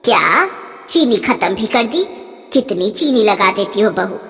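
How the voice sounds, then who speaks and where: A woman's voice: medium pitch, sing-song, unhurried, a bit bright, pitched below the performer's own voice. Cartoon: stingy scolding mother-in-law, woman voiced, reverb-heavy. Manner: scolding, penny-pinching, bossy. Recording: long reverb.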